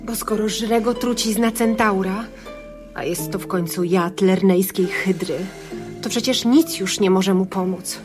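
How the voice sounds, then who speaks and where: An actress playing a foreboding woman of the chorus, speaking gravely and insistently in a radio drama. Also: medium pitch, measured pace, over music, lightly acted.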